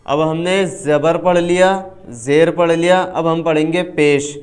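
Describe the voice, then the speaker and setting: A man leads a reading lesson. He stretches each letter drill into a slow sing-song chant. Between drills he explains quickly. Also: a little high, steady tone. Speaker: Quran reading teacher. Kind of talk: online reading lesson, spelling out syllables.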